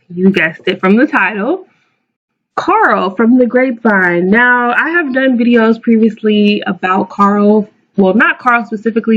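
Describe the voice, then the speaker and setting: A woman's voice: mid-range voice, fairly bright tone. A woman video blogger giving her opinions casually, in an informal, digressive way, often correcting herself. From Jamaica. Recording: dull lo-fi microphone sound.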